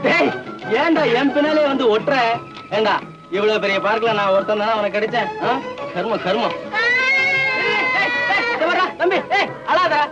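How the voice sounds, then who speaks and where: A flustered, sarcastic bachelor. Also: male voice, very high-pitched, very animated, moderate pace, over a noisy crowd. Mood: exasperated. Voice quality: comic exasperated grumbling, mutters "karmam". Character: flustered unmarried young man, exasperated and sarcastic. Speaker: bachelor pestered by a lost boy. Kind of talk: 1960s film comedy acting. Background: film score music.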